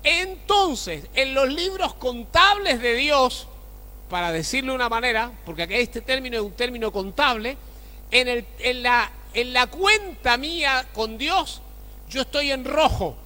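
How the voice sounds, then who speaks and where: High-pitched animated preaching man. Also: measured pace. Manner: preaches with rhetorical questions to the congregation. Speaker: pastor. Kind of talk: sermon. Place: church. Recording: church hall with long reverb.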